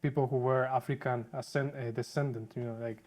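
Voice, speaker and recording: A man who grew up in Spain hosts a casual podcast, speaking at an ordinary pitch. He questions his guest with eager interest and answers with frequent quick affirmations. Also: steady tone, darkish tone. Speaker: podcast host.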